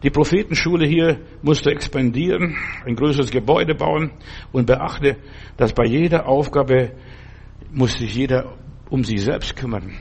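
A man's voice: mid-range voice, unhurried, vocal fry, darkish tone, slightly rough. A man preaching a sermon and reading a Bible story, talking in an earnest, fatherly way straight to the listener.

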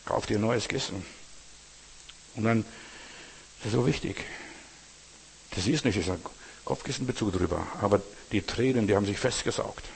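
A man's voice: fairly low pitch, normal speed, gravelly, long pauses, slight background noise. A man preaching a sermon in an earnest way, speaking straight to the listener and often repeating words. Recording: long hall reverb.

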